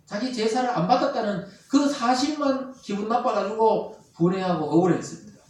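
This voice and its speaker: Echoey pastor preaching. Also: male voice, sits high, normal speed. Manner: animated preaching, acting out angry quoted voices. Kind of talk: sermon. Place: church sanctuary. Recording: very echoey hall, from far off.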